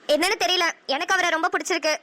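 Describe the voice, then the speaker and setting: A woman voicing a gentle, lovestruck young elder sister in a cartoon, soft and coaxing, with a Namakkal Tamil accent. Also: very high voice, fairly even intonation, rapid-fire. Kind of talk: cartoon voice acting.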